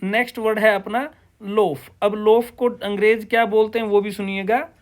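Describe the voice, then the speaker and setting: A man's voice: high voice, level tone, normal speed. Male teacher explaining a lesson. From Punjab, India. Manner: asks and answers his own questions, mixes English terms into Hindi. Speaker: English teacher. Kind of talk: classroom-style lesson explanation.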